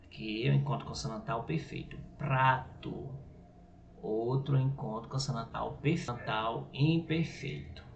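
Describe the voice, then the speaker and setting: A man's voice: mid-range voice, steady tone, fairly quick, creaky, few pauses, a little mellow, lo-fi sound. A Brazilian man teaching a grammar lesson, explaining step by step and checking in with "right?" and "ok?". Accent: Brazilian Portuguese. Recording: echoey room with faint noise.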